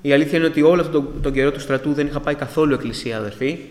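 A man giving an earnest, emotional personal testimony to a church congregation and addressing them as brothers. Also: fairly high pitch. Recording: echoey hall with long reverb.

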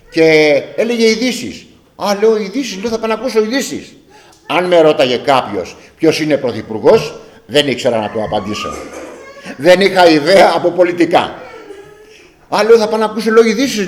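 An older man telling a personal story from his years working on a ship, acting out each exchange of dialogue with a repeated "I say". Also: a little high. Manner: animated, acts out dialogue with repeated "I say". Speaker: storyteller recalling life at sea.

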